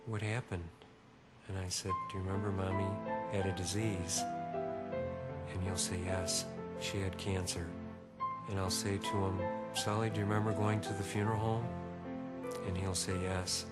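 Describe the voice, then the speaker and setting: A widowed father with a very deep, flat voice, speaking slowly and in a measured way. His words are set over loud music. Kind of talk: documentary interview.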